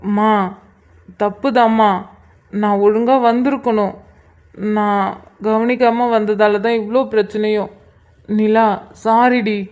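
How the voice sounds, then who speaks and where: A woman's voice: mid-range voice, flat delivery, takes it slowly, pauses often, darkish tone, natural voice. Give me a woman as a teasing, soothing young husband for a cartoon, in a muffled lo-fi recording. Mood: reassuring. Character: playful reassuring young husband, injured. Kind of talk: cartoon voice acting.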